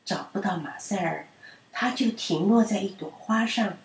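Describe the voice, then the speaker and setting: A woman reading children's stories aloud in a gentle storyteller manner. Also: mid-range voice, moderate pace. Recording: roomy and distant.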